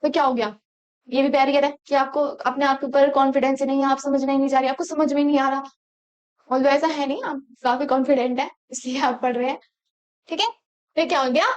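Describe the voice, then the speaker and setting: A young woman teacher with a high voice gives an exam-prep lecture. She keeps asking the class rhetorical questions and then answers them herself. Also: steady tone, fairly quick, lo-fi sound. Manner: explains in Hindi mixed with English terms, asks the class rhetorical questions.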